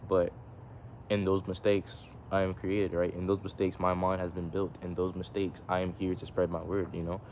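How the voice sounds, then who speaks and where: Speaking at a moderate pace, a low-voiced man vlogs into his phone camera outdoors in the sun, with a little hiss or hum on the audio. He rambles and reflects casually, stumbling into restarts and fillers, at times monotone.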